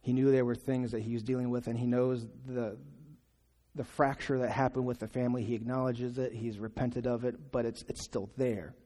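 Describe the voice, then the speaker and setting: A man giving a sermon in a conversational, halting way, often restarting his sentences. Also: mid-range voice, little pitch movement, warm tone. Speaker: pastor. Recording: long reverb of a large hall.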